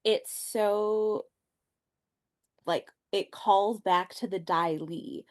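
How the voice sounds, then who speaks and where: A woman co-hosting a podcast discussion, deliberate and often adding "right?". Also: mid-range voice, fairly even intonation. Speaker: podcast co-host. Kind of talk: casual discussion.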